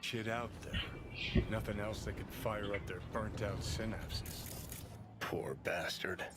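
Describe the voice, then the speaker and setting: An actor playing a cynical, scornful mercenary in a video game, speaking gruffly. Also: male voice, fairly low pitch, slow pace. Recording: game audio over loud noise.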